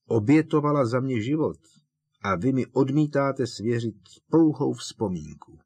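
Audiobook: an earnest teen boy pressing his point, quiet but unyielding, voiced by a man. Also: medium pitch, animated, husky, no room sound, pitched above the performer's own voice. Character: teenage boy wizard, grim, insistent.

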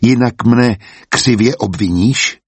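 A man's voice: medium pitch, husky, no room sound, close to an everyday voice. A man voicing a hardened former executioner who speaks coldly and bluntly. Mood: cold, firm. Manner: cold, blunt. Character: hardened former executioner, steady husband, nerves of steel.

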